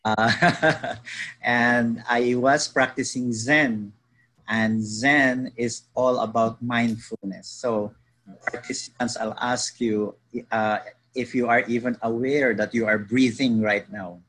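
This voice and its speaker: Male psychologist, slightly husky, polite and hesitant, on a video call. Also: mid-range voice, fairly even intonation, slow, fairly bright tone, low-quality recording. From Philippines. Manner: polite, hesitant, many filler sounds. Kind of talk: casual panel talk.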